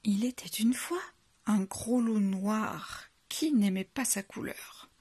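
A woman reading a children's bedtime story aloud in a soft, hushed, unhurried way. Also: medium pitch, husky.

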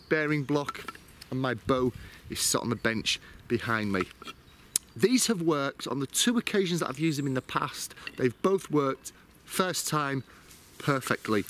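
A man's voice: mid-range voice, a bit bright, a little hiss or hum. A man in his forties, a bushcraft vlogger, chatting to camera in a casual, self-mocking way as he explains his kit outdoors in a woodland.

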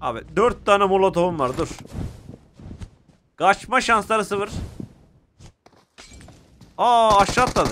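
Excitable Turkish gamer, bright high voice. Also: male voice, slow, long pauses, slight background noise. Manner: excitable, exclaiming and talking to viewers. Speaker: mobile game streamer. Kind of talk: live gameplay commentary.

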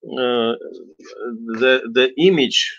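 Man in his fifties, non-native English, slow hesitant delivery, explanatory talk, dull lo-fi webcam sound. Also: medium pitch, a bit bright, no room sound. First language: not English. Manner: halting, hesitant, searching for words, frequent throat-clearing. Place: small indoor room with bookshelves.

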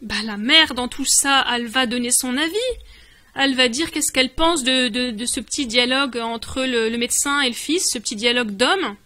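High bright voiced lady teacher, slow and patient, repeats every word. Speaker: online language teacher. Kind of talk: explaining a dialogue step by step.

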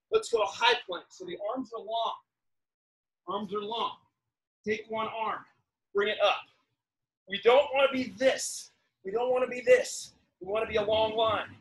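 A man's voice: sits high, creaky, fairly bright tone, breathy edge, poor audio. A middle-aged man, an aerobics instructor calling out exercises and counts, urging and encouraging as he exerts himself outdoors. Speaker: fitness instructor leading a boot camp class. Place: outdoors in a backyard garden. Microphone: camera a few metres away.

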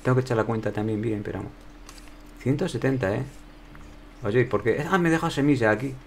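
A man's voice: medium pitch, fast talker, a little hiss or hum. A man with a Spain Spanish accent chatting casually to himself and his viewers while playing a video game. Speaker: gameplay commentator. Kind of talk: casual gameplay commentary.

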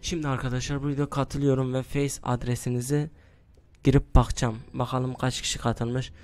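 A young man giving casual commentary while he plays a shooter game, mostly hushed because it is late at night, with sudden excited outbursts and groans. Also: medium pitch, fairly quick. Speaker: gaming YouTuber. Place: room at home at night.

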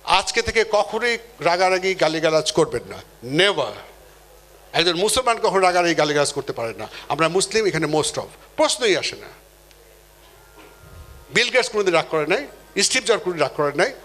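A man giving a live motivational seminar talk, animated, acting out quoted people and putting questions to the audience. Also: high voice, quick pace. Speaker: motivational speaker.

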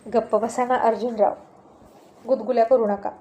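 A woman voicing a good-humored, bashful housewife who gently scolds her husband. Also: on the high side, fairly even intonation, moderate pace, natural voice. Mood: affectionate.

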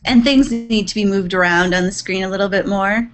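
A woman who designs sewing patterns, explaining them in a casual video chat, measured with frequent fillers and soft laughs. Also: mid-range voice, steady tone.

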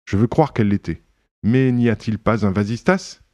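A man reading an audiobook, voicing a calm chevalier who lectures on a crime with slightly dogmatic assurance. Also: lowish voice, normal speed, no room sound, studio quality, pitched above the performer's own voice, lightly acted. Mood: assured. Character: suave self-assured gentleman sleuth, Italian chevalier. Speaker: reader voicing a character.

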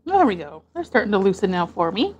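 A woman's voice: mid-range voice, very animated, fast, breathy edge, dull audio. A woman in her thirties talking casually between bites in an eating vlog, recorded on a lapel mic on her living room sofa. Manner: chatty, eating between remarks. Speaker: mukbang vlogger.

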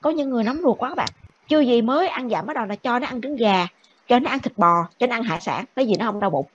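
A woman's voice: a little high, expressive, no room sound. A woman teacher gives a classroom lecture, checking with the students after nearly every point. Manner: brisk, keeps checking with the class. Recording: dull lo-fi with faint noise.

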